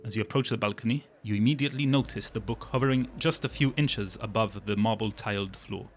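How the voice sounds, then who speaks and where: A man's voice: on the low side, quick pace. A man narrating a tabletop fantasy game as game master, with descriptive storytelling.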